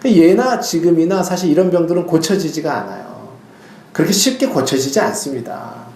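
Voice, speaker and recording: A male pastor preaching a sermon, telling stories in an animated way and now and then crying out loud. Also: a little high, normal speed, creaky, roomy sound, a little hiss or hum. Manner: animated storytelling, bursts into loud acted cries.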